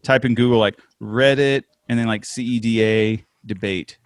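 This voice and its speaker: A man's voice: medium pitch, fairly even intonation, moderate pace, no echo. Casual male co-host, dry close sound, swears freely. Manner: loose, swearing, laughing often. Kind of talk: casual chat. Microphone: remote call microphone.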